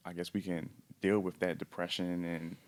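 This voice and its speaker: Deep-voiced man asking questions. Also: level tone, normal speed, a little mellow. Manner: easygoing, asks questions. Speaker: podcast co-host. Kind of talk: casual podcast discussion.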